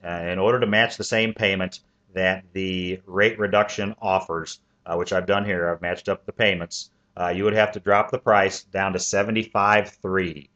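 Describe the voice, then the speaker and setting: A man with a very low voice pitches a home loan plan, walking through the figures one at a time. He fills his pauses with plenty of "uh" and "um". The recording sounds dull and lo-fi. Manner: steady step-by-step explaining with frequent "uh" and "um" fillers. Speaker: mortgage loan officer. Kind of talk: sales pitch explaining a financing plan.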